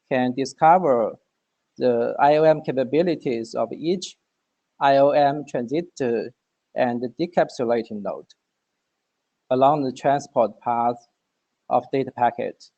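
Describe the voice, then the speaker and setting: A man's voice: medium pitch, mellow, lo-fi sound. A man giving a technical presentation over a remote call, his microphone clipping and distorting so the audio breaks off. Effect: clipping, distorted mic audio that breaks off. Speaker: presenter at a working group meeting.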